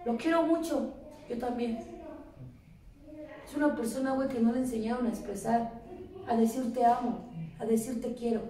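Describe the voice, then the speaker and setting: Woman, Mexican accent, 30s, blunt, preachy, high voice, very echoey room. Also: steady tone, moderate pace, long pauses, mellow. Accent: Mexican Spanish. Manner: blunt, heavy swearing, preachy. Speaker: speaker at a recovery group meeting. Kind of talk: testimony to a group. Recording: echoey room, voice far from mic, noisy.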